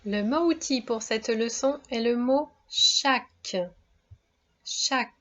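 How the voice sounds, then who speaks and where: A woman teacher leads young children through a spelling dictation, splitting words into syllables in a careful, encouraging way. Her voice is on the high side, fairly bright and slow, and the recording has a dull lo-fi sound.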